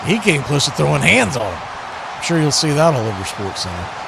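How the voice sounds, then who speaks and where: This play-by-play commentator runs a watch party stream, narrating a football game live with offhand analysis and the occasional self-correction, all in a conversational tone. He speaks at normal speed in a gravelly, highish voice whose pitch swings widely, against background noise.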